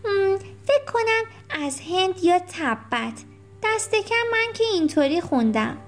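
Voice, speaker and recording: A bossy, clever little girl in a storybook, voiced by a woman in a very high, prim voice. Her lines come with faint music underneath. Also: animated, darkish tone.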